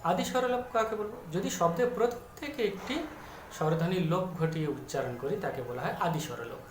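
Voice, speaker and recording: A man's voice: a little high, quick pace, a little hiss or hum. A man teaching a grammar lesson to students, explaining patiently and answering his own questions. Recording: echoey room with faint music.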